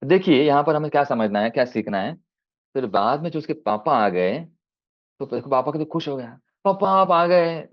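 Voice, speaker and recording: Male devotional speaker, mid-pitched, storytelling sermon over a dull video call; acts out both sides of a dialogue. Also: animated, brisk. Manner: acts out a child and father in dialogue, rising high and dropping soft; mixes in English phrases.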